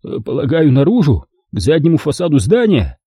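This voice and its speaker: Casting note: panicky mob casino boss, squeaky and shrill, read by a man. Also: huge pitch swings, normal speed, warm tone, husky, no echo, clean studio sound, full character voice. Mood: dazed. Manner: shrill, frantic insisting. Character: hysterical middle-aged male casino boss. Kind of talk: audiobook character voice.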